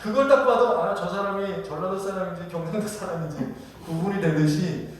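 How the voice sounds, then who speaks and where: A man's voice: high voice, fairly quick, slight background noise. A male pastor preaching a sermon who keeps putting questions to the congregation. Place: church sanctuary. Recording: echoey church hall from far off.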